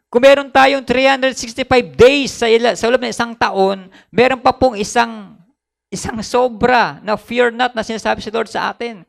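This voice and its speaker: Man, Filipino accent, pastor, sermon, gravelly, very high pitched, repeats for emphasis. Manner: mixes Tagalog with English, repeats phrases for emphasis.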